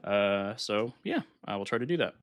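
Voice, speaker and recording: Hosting a laid-back live stream, this man has a lowish voice and a moderate pace, with clean audio. He sounds a bit nasal and slightly stuffed up from a recent illness, casually thinking out loud as he sets up software on his computer.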